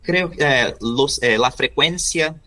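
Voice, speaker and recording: A man from Brazil with a Brazilian Portuguese accent, a non-native speaker answering interview questions haltingly and searching for words. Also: medium pitch, bright, forceful tone. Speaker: interview guest, volunteer youth radio host.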